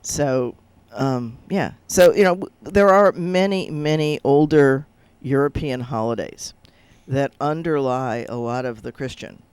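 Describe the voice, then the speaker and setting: A man's voice: mid-range voice, measured pace, a little mellow, clean tone, no room sound. A man, a rabbi, chatting casually on a radio talk show over a video link, rambling and hesitant with lots of fillers.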